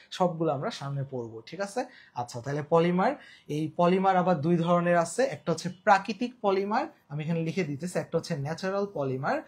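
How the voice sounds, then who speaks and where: A man with a Bangladeshi Bengali accent runs a live online exam-prep class, repeating key terms and quizzing his viewers. His voice sits on the high side, a little mellow with a breathy edge. He talks colloquially and mixes in English words.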